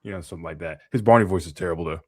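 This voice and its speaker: Low-voiced man explaining over a call. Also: a little mellow, dry recording, clean studio sound. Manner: measured, explanatory, with fillers. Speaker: voice artist, panel regular. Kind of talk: casual group chat.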